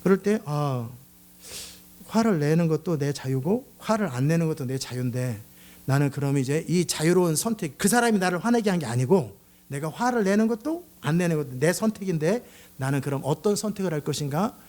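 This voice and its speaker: A man's voice: on the high side, a little fast. A middle-aged male pastor preaching a sermon, acting out angry outbursts and jokes as he goes. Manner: animated, acts out angry outbursts and shouts.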